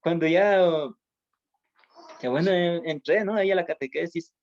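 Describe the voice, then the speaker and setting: A man's voice: high-pitched, moderate pace. A man sharing his life story as an interview guest. He speaks earnestly in casual conversation and often repeats phrases as he goes. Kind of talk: personal testimony in casual conversation. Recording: dull lo-fi audio.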